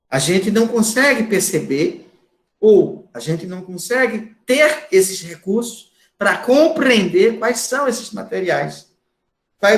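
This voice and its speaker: A man giving a lecture to a class, talking loudly and repeating words for emphasis. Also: high voice, roomy sound. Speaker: course instructor.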